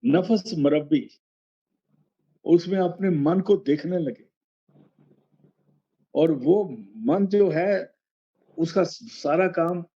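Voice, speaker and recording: An older man with a Punjabi accent explaining sacred verses word by word, slowing down to recite the lines and repeating his warnings. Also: a little high, mellow. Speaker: satsang speaker explaining verses. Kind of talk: spoken sermon commentary. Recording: dull lo-fi recording.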